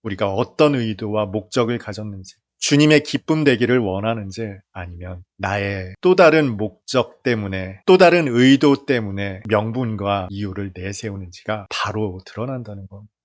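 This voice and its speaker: A male pastor delivering a sermon, firing off strings of rhetorical questions and letting his sentence endings drop softly. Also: lowish voice, moderate pace, hardly any pauses, no room sound, clean studio sound. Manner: preaches with rhetorical questions, lists, and trailing soft line endings.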